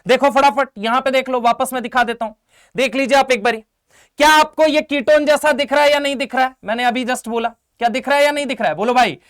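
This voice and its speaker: In an online exam-prep chemistry class, a man fires questions and coaxes his students to answer back, calling them "beta" and "bhai" in an energetic call-and-response. His voice is very high, smooth and quick-paced, and the studio-quality recording is dry.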